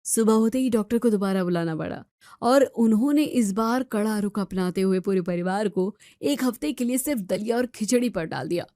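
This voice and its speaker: A woman's voice: mid-range voice, lively intonation, normal speed, warm tone, no room sound, clean studio sound. A woman narrating a family story in scripted storytelling style.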